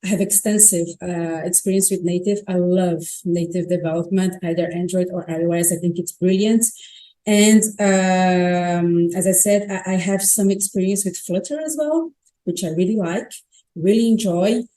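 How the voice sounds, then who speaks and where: On stage at a conference, a Brazilian native speaker of Portuguese talks chattily, often correcting herself and starting sentences over. She has a lowish, warm voice and speaks at normal speed.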